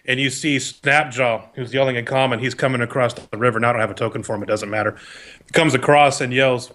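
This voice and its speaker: Male game master: forceful bright voice, halting conversational narration of tabletop action. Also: mid-range voice, fairly even intonation.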